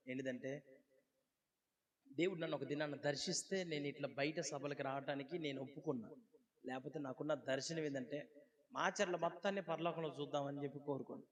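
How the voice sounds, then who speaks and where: High-voiced man preaching in a reverberant hall. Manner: impassioned preaching, rising to loud high exhortation; colloquial, scolding asides to the congregation. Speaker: pastor. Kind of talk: sermon.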